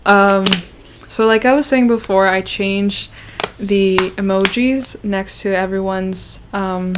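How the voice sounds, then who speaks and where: A young Canadian woman hosts a casual YouTube livestream, her medium-pitched voice fairly even as she speaks slowly over background noise. She rambles self-consciously, full of fillers and restarts.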